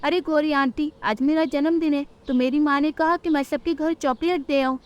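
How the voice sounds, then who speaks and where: A sulky, demanding little girl bird from a cartoon story, speaking in a very high, childish whine, as a woman narrator puts her on. She talks like a spoiled child who wants things her way. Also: fairly even intonation, moderate pace, lo-fi sound, close to an everyday voice. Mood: cheerful.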